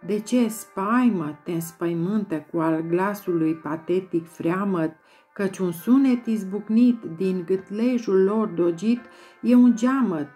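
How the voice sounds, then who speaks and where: A woman giving a dramatic, rhythmic poetry recitation, chanting repeated words in an incantatory way. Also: mid-range voice. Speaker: volunteer poetry reader. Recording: soft music bed behind voice.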